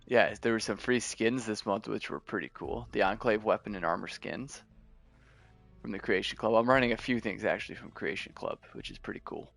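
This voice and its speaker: A man's voice: on the low side, brisk, vocal fry, a bit bright, soft background music. A man giving casual, laid-back let's play commentary, thinking aloud as he plays. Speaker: gameplay streamer.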